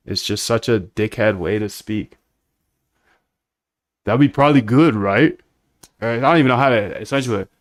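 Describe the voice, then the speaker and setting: A man's voice: medium pitch, clear, resonant tone, dry recording, clean studio sound. A man casually talking through his live coding stream, thinking aloud and answering chat bluntly. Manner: blunt, chatty, thinks aloud while working. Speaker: live-streaming developer of trading bots.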